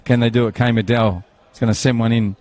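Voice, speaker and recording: A man's voice: medium pitch, flat delivery, quick pace, darkish tone, a little hiss or hum. Chatty male football commentator. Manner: chatty, rambling, with banter and many fillers. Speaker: match commentator. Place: outdoors at a football ground.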